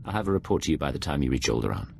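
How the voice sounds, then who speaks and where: In a video game, a male actor with a very deep voice and vocal fry plays a cool, commanding Imperial secret agent. His delivery is measured and authoritative yet very animated and heavily acted, with a composed, serious mood.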